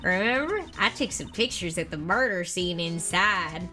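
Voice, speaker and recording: A woman voicing a brash, nosy young female photojournalist from a game, pushy and excitable. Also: fairly low pitch, moderate pace, soft background music, pitched below the performer's own voice. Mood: eager.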